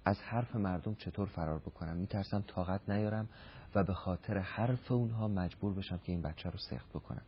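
A man hosting a talk show, reading out a viewer's letter and asking calm questions. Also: low-pitched, lo-fi sound, slight background noise.

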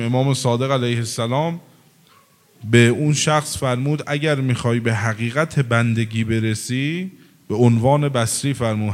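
A man preaching a sermon and telling a religious story with animated delivery, acting out the characters he quotes. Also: medium pitch.

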